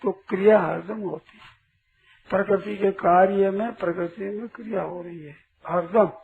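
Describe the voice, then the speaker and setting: A man with a high, gravelly voice speaks at a measured pace in a steady tone, delivering a spiritual discourse to an audience as their teacher. He poses rhetorical questions and sternly corrects someone who asked him a question. The recording is tinny and lo-fi, with a faint hiss underneath.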